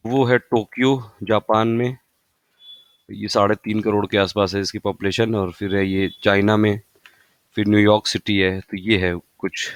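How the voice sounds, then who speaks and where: A man's voice: on the low side, clean tone, dry recording. A man teaches like an exam-prep tutor. He rambles through lists, repeats figures and stops on fillers. The sound is dry and close, with little room. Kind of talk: casual explanatory lesson.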